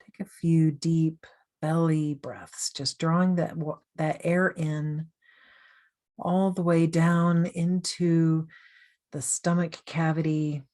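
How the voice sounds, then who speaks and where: A woman guides a meditation with a low, unhurried voice. She speaks softly and invitingly, drawing out her words with long pauses between them. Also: flat delivery. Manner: slow, soothing, gently inviting. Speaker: meditation coach.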